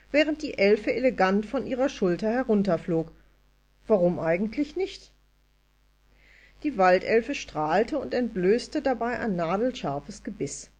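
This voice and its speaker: A woman narrating a story aloud in a lively, expressive reading style. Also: medium pitch. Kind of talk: audiobook storytelling.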